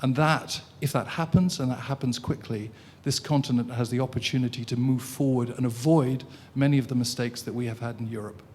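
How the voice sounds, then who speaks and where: A man's voice: medium pitch, fairly even intonation, brisk, hardly any pauses, a little mellow. A man making a formal, filler-laden comment from the floor of a conference. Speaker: audience member commenting. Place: conference hall.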